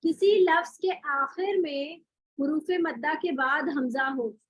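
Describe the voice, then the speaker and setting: A woman's voice: high-pitched, slow pace, no room sound, rough recording. A woman teaching Quran recitation in an online class, explaining rules step by step with rhetorical questions and spoken examples.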